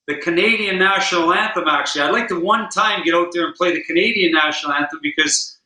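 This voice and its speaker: Man, podcast guest host, casual rambling chat, high voice, echoey room. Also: quick pace, bright, forceful tone. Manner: easygoing, rambling with fillers. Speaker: guest host and guitar player. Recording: roomy echo.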